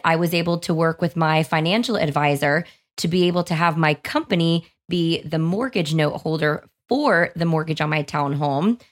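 A young woman with a hoarse, somewhat low voice talks through her podcast in a loose, chatty way. She is upbeat and fills her sentences with "like". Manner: chatty, upbeat, says "like" often. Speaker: podcast host. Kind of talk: casual podcast monologue.

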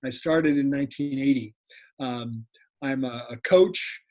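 A man in his sixties speaking conversationally as an interview guest and coach, deliberate and repeating key points. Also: medium pitch, a little mellow. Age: 60s. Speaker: podcast guest, dental practice coach.

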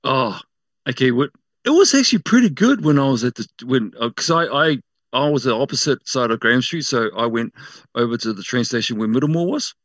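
Male interview guest, New Zealand accent, medium pitch, casual halting storyteller, dry recording. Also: lively intonation, dry recording. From South Auckland, New Zealand. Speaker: interview guest working in media.

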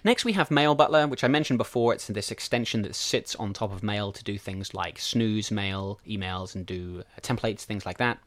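A man with a lowish voice talks through ideas on his own podcast, relaxed and casual, with fillers as he explains step by step. The sound is dry and close, with no room around it. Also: normal speed, few pauses, dry recording. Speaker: podcast host. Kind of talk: solo podcast talk.

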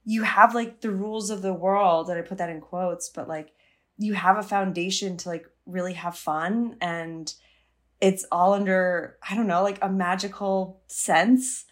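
Mid-pitched woman comedian, rambling casual talk full of fillers. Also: fairly even intonation, unhurried. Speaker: podcast guest, comedian. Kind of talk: casual podcast chat.

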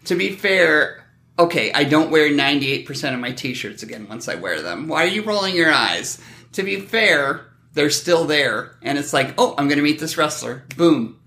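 A middle-aged man hosts a casual comedy podcast. His voice is bright and punchy, pitched a little high for a man. He banters in an animated, mock-defensive, joking way. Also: moderate pace, reverberant. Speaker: podcast host.

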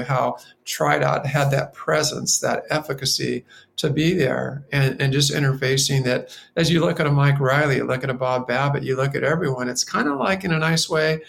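A man, a triathlon coach, talking on a podcast in a reflective, enthusiastic way and often clearing his throat. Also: mid-range voice, a bit bright. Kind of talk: casual podcast conversation.

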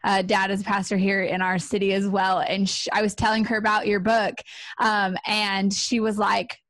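A woman's voice: medium pitch, flat delivery, moderate pace, dry recording. A woman hosting a podcast, chatting enthusiastically with her guest. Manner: warm and enthusiastic. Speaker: podcast host. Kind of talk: casual interview chat.

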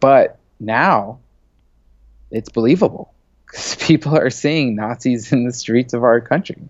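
A man in his thirties, born in Saudi Arabia and raised in the US, is a media creative appearing as a guest in a casual interview. His mid-range voice moves at a measured pace, and he talks loosely, filling his speech with plenty of "you know"s and "like"s. The recording has no room sound and the highs are cut off.

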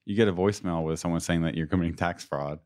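A man with a low, unhurried voice, getting over being sick, chatting casually about technical work as a co-host. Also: a little mellow. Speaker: podcast co-host. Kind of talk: casual tech chat.

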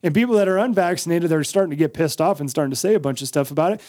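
An American man with a fairly high voice talks casually and emphatically on a podcast. He drives points home by repeating them, in a dry, close recording. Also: racing, darkish tone, dry recording. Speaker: podcast host. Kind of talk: casual opinionated podcast talk.

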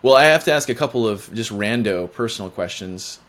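Upbeat jokey man hosting, lowish voice. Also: lively intonation, brisk, a bit bright. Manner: upbeat, jokey, many fillers. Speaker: podcast host. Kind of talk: casual interview chat.

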